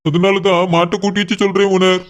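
A man's voice: high voice, flat delivery, brisk, lo-fi sound, natural voice. A man voicing a polite, lovesick young man in a cartoon. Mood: mopey. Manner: polite, addresses elders respectfully. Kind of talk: cartoon voice acting.

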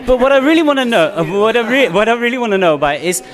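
A man conducts a quick, upbeat interview in a small indoor room, speaking into a handheld mic. His voice sits high, and he rattles his questions off at a brisk clip, often restarting mid-phrase. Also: expressive. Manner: fast and eager, with frequent restarts.

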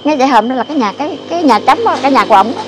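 A woman's voice: sits high, lively intonation, racing, over music. An older woman tells local stories in a rambling, emphatic way, repeating her phrases. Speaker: interviewee telling local lore. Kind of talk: casual storytelling. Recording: noisy outdoor ambience with passing vehicles.

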